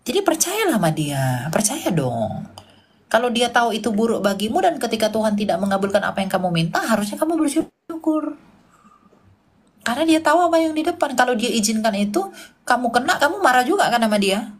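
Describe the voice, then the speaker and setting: A woman's voice: fairly high pitch, sing-song, a little fast, slight background noise. A woman preacher teaching casually and emphatically, asking rhetorical questions and sometimes dropping to a whisper. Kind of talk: informal Q&A sermon.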